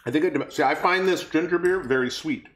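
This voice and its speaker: Brisk and on the high side, this man's slightly bright voice comes through a reverberant space with a touch of background noise. As co-host of a cooking and drinks show, he mixes a cocktail in rambling, chatty fashion, frequently trailing off and correcting himself.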